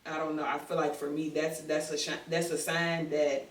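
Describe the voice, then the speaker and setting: A woman's voice: deep voice, flat delivery, normal speed. Woman, podcast guest, candid and emphatic, roomy distant sound. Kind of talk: casual podcast interview. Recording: echoey room, distant mic.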